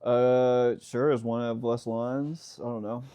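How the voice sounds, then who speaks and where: A male podcast co-host chatting outdoors by a campfire. He sounds easygoing and joking, with a plain, mid-pitched voice. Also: flat delivery, slow pace, warm tone, clean tone. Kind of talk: casual chat.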